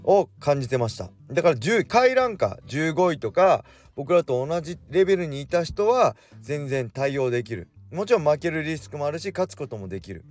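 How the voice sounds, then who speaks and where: A man's voice: on the high side, big pitch swings, brisk, hardly any pauses, darkish tone. Guy in his 40s chatting alone on his radio show, voice bounces up and down a lot, faint music under it. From Japan. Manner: speeds up as he talks, with self-corrections. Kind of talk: casual solo radio talk.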